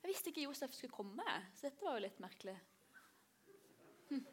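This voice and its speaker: A woman's voice: high-pitched, sing-song. A woman leading a children's church gathering, playful and encouraging.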